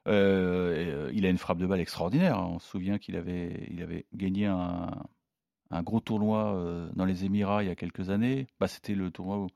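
A man with a lowish voice gives tennis betting tips in a loose, animated way. He hesitates with fillers and slips in laughing asides. The recording is dry and close. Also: brisk, creaky, no room sound. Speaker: tennis pundit. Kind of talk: casual chat.

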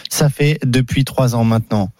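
A man's voice: medium pitch, moderate pace, a little mellow, dry recording. Blunt contrarian male radio pundit. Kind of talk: heated radio debate.

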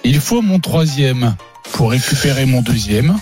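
A man's voice: mid-range voice, lively intonation, unhurried, darkish tone, soft background music. A man hosting a radio quiz, teasing his panel as he reads out riddles and quotes. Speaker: radio show host running a quiz. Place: radio studio.

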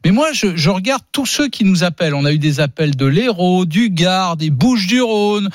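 A man's voice: high-pitched, lively intonation, moderate pace, no echo, clean studio sound. A man from Touraine co-hosting a radio talk show, arguing emphatically and repeating words as he pushes a point. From Touraine, France.

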